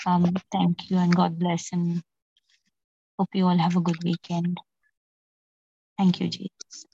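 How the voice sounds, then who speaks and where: A woman's voice: fairly low pitch, monotone, unhurried, vocal fry, warm tone, slightly rough, no room sound. A woman giving an informal, thankful testimony of faith to a prayer group over an online call. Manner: devout, thankful. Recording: dull, muffled call audio.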